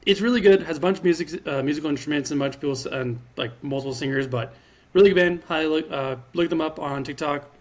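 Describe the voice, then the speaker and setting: A man's voice: on the high side, quick pace. Laughing, rambling podcast co-host man. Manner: laughing, rambling, swears casually. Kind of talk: casual chat.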